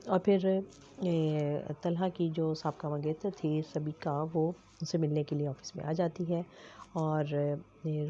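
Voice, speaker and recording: A woman recapping a TV drama episode at an unhurried pace, with frequent hesitations. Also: sits low, warm tone, slight background noise. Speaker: drama reviewer. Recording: dull lo-fi recording.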